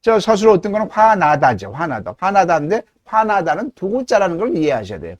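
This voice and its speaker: A man's voice: sits high, wildly swooping pitch, fairly quick, muffled recording. A middle-aged man teaching English grammar in a lecture, explaining step by step and answering his own questions.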